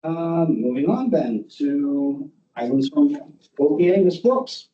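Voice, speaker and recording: A man chairs a formal board meeting, moving briskly through procedure. His voice is fairly high and very mellow, picked up muffled from across the room. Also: expressive, reverberant, slight background noise. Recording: muffled, distant meeting microphone.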